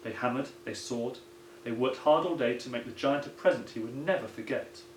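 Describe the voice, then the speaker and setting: A primary school teacher reads a children's story aloud at a fairly quick pace in a mid-range male voice. The recording has a roomy echo and some background noise.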